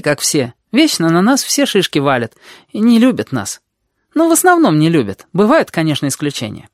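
A reader voicing a bold, chatty red-haired girl who lectures quickly and jumps between topics. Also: medium pitch, no echo, studio quality, pitched above the performer's own voice. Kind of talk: audiobook character voice.

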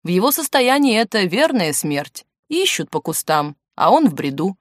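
A woman's voice: medium pitch, very animated, normal speed, no echo, clean studio sound. A woman reading the part of a blunt, joking helicopter pilot in an audiobook. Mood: blunt, urgent.

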